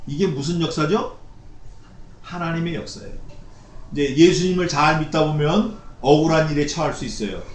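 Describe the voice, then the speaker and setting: A man's voice: fairly high pitch, reverberant, a little hiss or hum. A male pastor preaching an expository sermon in a church, often asking the congregation questions and answering them himself. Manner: acts out the figures in quoted shouts.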